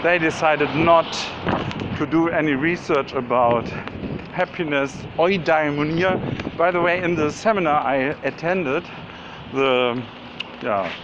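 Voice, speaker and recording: A man whose first language is German rambles in English at an unhurried pace, his voice sitting a little high. He drifts from thought to thought with fillers and restarts. Loud city and boat noise surrounds him on a dull, muffled recording. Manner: slow, meandering, many fillers and restarts. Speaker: vlogger. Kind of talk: rambling spoken musing.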